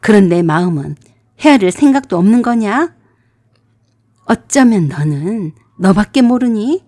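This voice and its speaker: A woman's voice: mid-range voice, animated, normal speed, no echo, clean studio sound, close to an everyday voice. A woman voicing a harsh, scolding middle-aged mother-in-law in a storytelling radio drama. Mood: furious. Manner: sharp, scolding, shouting.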